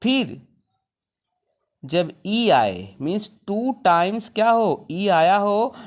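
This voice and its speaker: A woman teaching an English lesson in a classroom style, asking questions and answering them herself, and drawing out example words slowly. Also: on the low side. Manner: slow, drawn-out words when spelling out examples.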